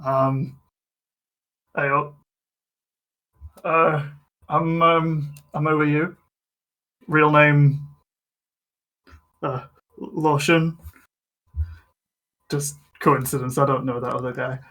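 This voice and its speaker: Hesitant fantasy misfit, played by a man: slow, faltering delivery in a feeble dying man's voice. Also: a little high, steady tone, sharp tone, exaggerated voice, low-quality recording. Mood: hesitant, sheepish. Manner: halting, stammering.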